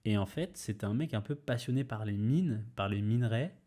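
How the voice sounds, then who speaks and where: A man's voice: fairly low pitch, lively intonation, brisk, warm tone. A young man hosting a podcast, telling a personal story casually, rambling with fillers, restarts and mild swearing. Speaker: podcast host.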